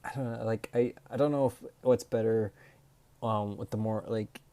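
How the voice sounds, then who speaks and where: A man's voice: on the low side, steady tone, normal speed, mellow, dry recording. A man streaming live, chatting casually and thinking aloud as he works, now and then scatting a beatbox. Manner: scat-beatboxes between remarks.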